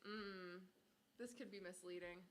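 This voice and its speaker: A woman's voice: fairly low pitch, fairly even intonation, measured pace, a little hiss or hum. A woman in her late teens, a music guest on a radio show, giggling in casual banter. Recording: crowd chatter behind.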